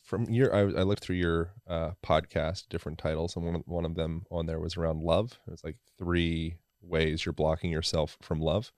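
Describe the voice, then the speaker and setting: A man's voice: low-pitched, level tone, normal speed, few pauses, a little mellow, no echo, studio quality. A man hosting a podcast, chatting loosely and searching for words in a casual interview. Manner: loose, searching, full of fillers. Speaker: podcast host.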